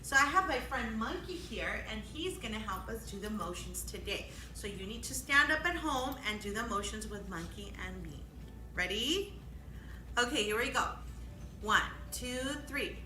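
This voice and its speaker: Here a woman with a fairly high, expressive voice talks at normal speed. Hosting a young children's storytime, she's upbeat and exclamatory, drawing her audience in with questions during songs and guessing games. Echo and faint background noise color the recording.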